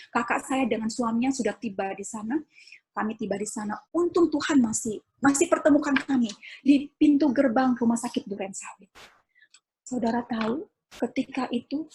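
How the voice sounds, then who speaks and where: A woman's voice: on the high side, a little mellow, breathy edge. An older woman giving an emotional personal testimony as a pastor's wife, at times crying out and pleading as she relives events. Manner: cries out and pleads when reliving moments.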